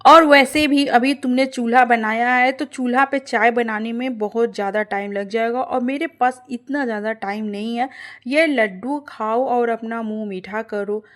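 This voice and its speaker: A woman's voice: a little high, steady tone, normal speed, lightly acted. A woman voicing a boastful, condescending rich neighbor woman in a cartoon story.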